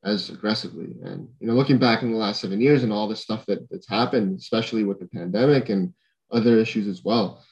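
Young man from Honduras, podcast guest, low-pitched, reflective, hesitant with fillers. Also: fast, a little mellow, dull audio. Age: young adult. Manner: thoughtful, lots of fillers and restarts. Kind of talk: casual conversation.

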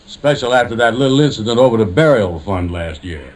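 An actor in a 1950s radio sitcom, with a lowish, close-to-everyday voice, lively intonation and a slightly fast pace, plays an easygoing, blunt, girl-chasing lodge brother who delivers a blunt warning. His speech is folksy and ungrammatical, dotted with pompous big words. The 1950s radio recording is slightly noisy.

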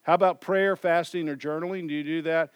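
A man's voice: on the high side, steady tone, a little fast, clear, resonant tone, dry recording, lo-fi sound. A man preaching a sermon in a loose, conversational way, often repeating and restarting phrases. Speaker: pastor.

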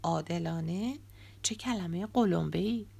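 A woman's voice: fairly low pitch, creaky, warm tone, husky, exaggerated voice. A woman reading an audiobook, voicing a bitter, resentful young man who used to be a drummer and speaks with angry sarcasm. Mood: sarcastic.

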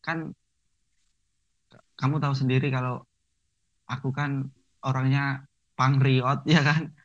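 A man's voice: medium pitch, little pitch movement, takes it slowly, dry recording, highs cut off. A man in his twenties with a Javanese accent chatting casually as a guest, mixing Jakarta slang with Javanese. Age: 20s. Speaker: podcast guest, barber. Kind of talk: casual chat.

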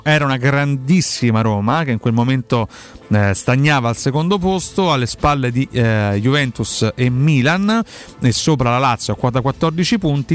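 Mid-pitched man hosting sports talk. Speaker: radio show host.

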